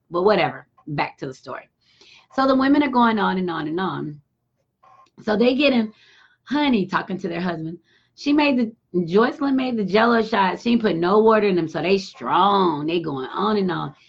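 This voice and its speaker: A middle-aged woman, hosting a live talk show and telling a frank, profane story with lively quoted voices. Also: medium pitch, moderate pace, slightly rough. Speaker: show host. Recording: dull lo-fi sound.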